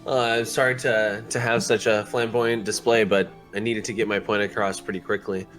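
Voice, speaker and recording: A man's voice: lowish voice, flat delivery, normal speed, fairly bright tone, faint music behind. A man speaking in character as a player in a tabletop role-playing game, hesitant and full of fillers.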